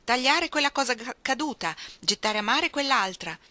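A woman reading aloud, voicing a shy but adventurous young male sea captain who calls out brisk orders. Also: fairly high pitch, expressive, sharp tone, no room sound, voice pushed up. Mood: commanding.

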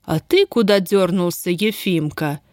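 A woman's voice: on the low side, a little slow, no room sound, studio quality, close to an everyday voice. A woman voicing a cruel, imperious female estate manager in an audiobook, contemptuous and barking orders in a thin, cutting voice. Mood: imperious, scornful. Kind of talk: audiobook character voice.

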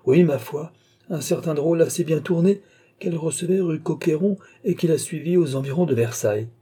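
A man reading aloud plays a worldly old duke who teases and quietly threatens. The voice is very dark and mellow with a husky grain, in an audiobook telling. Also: on the high side, a little fast, pitched above the performer's own voice. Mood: sly, teasing. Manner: mocking, knowing, lightly threatening. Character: old duke and marshal, sly, teasing, worldly.

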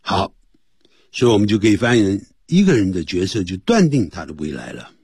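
A male English teacher on a radio lesson, his husky voice swooping high and low as he explains. He switches between Chinese explanation and slow, careful English readings, close to a dry studio mic. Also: big pitch swings, a little mellow, no echo. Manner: explains Chinese and English in turn, reads phrases slowly.

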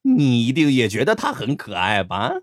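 A man's voice: mid-range voice, huge pitch swings, normal speed, no echo, studio quality. A man playing a mumbling giant mole. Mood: playful. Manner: mumbling, playful, then sly. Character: big childlike male mole, greedy and dangerous. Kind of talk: audiobook character voice.

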